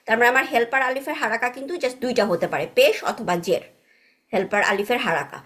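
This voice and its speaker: A woman teaching a grammar class at a slightly higher pitch. She explains step by step and checks in with the class after each point, mixing English terms into her talk. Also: lively intonation, fast talker, a bit bright. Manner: patient, checks understanding with frequent tag questions; mixes English words into explanations.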